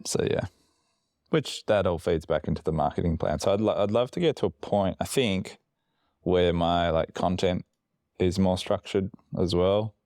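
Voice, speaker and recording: A man's voice: normal speed, darkish tone, dry recording, clean studio sound. A man co-hosting a casual podcast chat, rambling with fillers and restarts, a bit woozy from medication. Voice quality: very low, gravelly voice. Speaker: podcast co-host.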